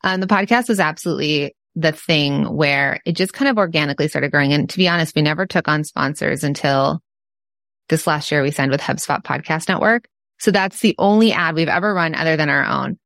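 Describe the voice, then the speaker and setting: A woman's voice: deep voice, fairly quick, vocal fry, a bit bright, no room sound, clean studio sound. A woman with a Californian Valley Girl accent, chatting candidly and informally as a podcast guest. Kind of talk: casual interview chat.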